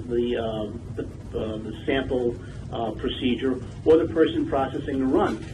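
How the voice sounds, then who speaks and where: A man's voice: medium pitch, a little mellow. Man talking through a distant speakerphone. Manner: measured, frequent hesitations. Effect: heard over a speakerphone. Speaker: forensic lab representative. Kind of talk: explaining at a meeting by phone. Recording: distant noisy speakerphone line.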